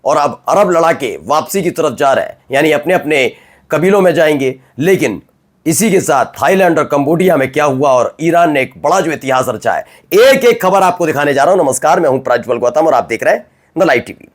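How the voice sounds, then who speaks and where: A man's voice: fairly high pitch, lively intonation, a little fast. A man presenting the news in a conversational, emphatic way, asking rhetorical questions of his viewers. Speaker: news anchor.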